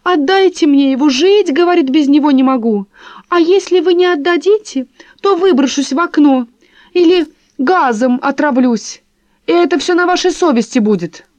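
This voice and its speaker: A woman's voice: high-pitched, moderate pace, darkish tone, dry recording, pitched above the performer's own voice, lightly acted. A woman voicing a young woman who pleads melodramatically and threatens to harm herself. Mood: wailing. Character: hysterical young woman, the husband's lover, whiny. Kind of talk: audiobook character voice.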